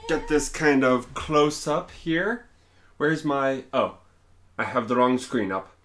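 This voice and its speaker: An easygoing man co-hosting a casual show, speaking at a middle pitch for his voice. He explains things patiently and teases his co-host now and then. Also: slow, a bit bright. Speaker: podcast co-host. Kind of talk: casual chat.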